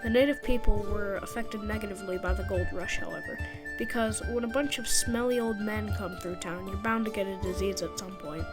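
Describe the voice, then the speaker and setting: A woman's voice: mid-range voice, a little fast. A woman narrating a history video in a casual scripted way, with jokey, sarcastic asides. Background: background music.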